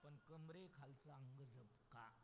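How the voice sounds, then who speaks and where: A man from Maharashtra preaching a live devotional sermon. He tells the story dramatically, swinging from hushed asides to loud exclamations, and keeps asking the crowd questions before answering them himself. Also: mid-range voice, slow pace, vocal fry. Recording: echoey hall, faint background noise.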